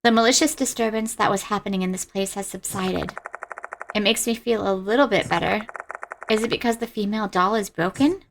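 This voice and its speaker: A woman's voice: medium pitch, a little fast, background noise. A woman game streamer who reads story text aloud dramatically and breaks off into casual, blunt, sweary commentary. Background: game music behind the voice.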